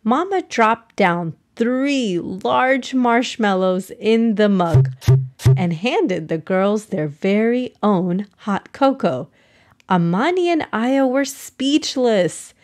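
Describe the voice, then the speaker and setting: Slow, expressive woman storyteller. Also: medium pitch. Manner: slow, expressive, warm read-aloud. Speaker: children's storyteller, podcast host. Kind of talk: storybook narration.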